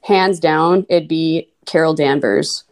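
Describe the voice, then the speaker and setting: Guest, female, 30s, Upper Midwest accent, casual and upbeat, a bit low-pitched. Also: slow. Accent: Upper Midwest American. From North Dakota, USA. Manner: chatty, upbeat, frequent "like" and "you know". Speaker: podcast guest. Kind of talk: casual interview chat.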